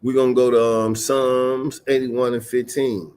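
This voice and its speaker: A man teaching scripture on a livestream, mixing casual slang with slow, stressed readings of old verses. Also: mid-range voice, little pitch movement, a little mellow, clean tone. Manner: emphatic, stresses single words while reading scripture aloud; casual street slang mixed with King James reading. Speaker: religious teacher.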